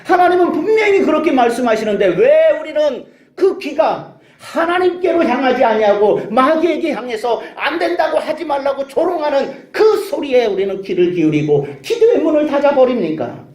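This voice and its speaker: A man's voice: very high-pitched, very animated, moderate pace, a little mellow. A male pastor preaching a sermon, emphatic and full of rhetorical questions and calls of hallelujah. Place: church sanctuary. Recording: echoey church sanctuary.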